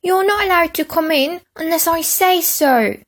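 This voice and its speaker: A woman's voice: extremely high pitch, moderate pace, pitched above the performer's own voice. A woman voicing a prim, whining little boy who tattles to his mother, in a storybook reading. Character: whiny tattling little boy, goody-goody younger brother.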